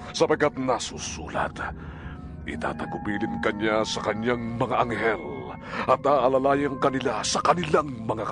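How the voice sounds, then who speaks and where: Man voicing a sly devil tempter, drawn-out and coaxing, swoopy pitch, background music. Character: scheming male devil tempter.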